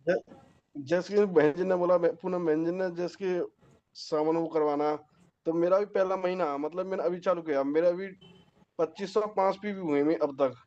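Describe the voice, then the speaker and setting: A man joining a video-call meeting to speak up, talking in a halting, rambling way with frequent restarts. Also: high voice, steady tone, darkish tone. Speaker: team member on a call. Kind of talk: unscripted remarks in a meeting. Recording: dull lo-fi call audio.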